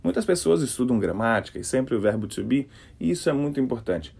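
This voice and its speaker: Gravelly-voiced man from Brasília teaching. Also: mid-range voice, fairly quick. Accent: Brasília Portuguese. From Brasília, Brazil. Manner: energetic, demonstrative, exaggerates sounds. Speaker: English teacher. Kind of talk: podcast pronunciation lesson.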